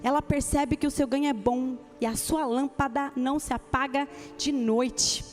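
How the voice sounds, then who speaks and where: A woman's voice: sits high, fairly even intonation, moderate pace, faint music behind. A woman with a Brazilian Portuguese accent preaching a sermon as senior pastor, emphatic and acting out quoted voices. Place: church conference stage.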